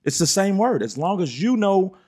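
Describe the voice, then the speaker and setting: A man's voice: high-pitched, sing-song, normal speed, darkish tone, breathy edge. A man co-hosting a podcast, arguing insistently in a heated casual debate and explaining with examples. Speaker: podcast co-host.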